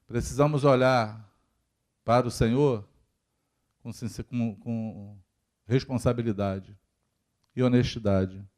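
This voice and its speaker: A man's voice: medium pitch, fairly even intonation, slow, long pauses, darkish tone. A man with a Brazilian Portuguese accent preaching a sermon in a church, talking to the congregation and asking it questions as he goes. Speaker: pastor.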